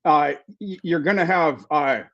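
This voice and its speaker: A man giving fantasy football analysis in a casual podcast chat, talking quickly and restarting his sentences. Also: fairly high pitch, highs cut off. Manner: fast, repeats words and restarts often.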